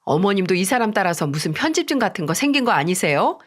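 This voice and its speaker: A woman's voice: medium pitch, very animated, fast talker. A woman voicing a resentful daughter-in-law who answers her mother-in-law curtly and defensively in a radio story drama. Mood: curt defiant. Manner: curt, dismissive and defensive. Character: defiant, resentful young wife and daughter-in-law.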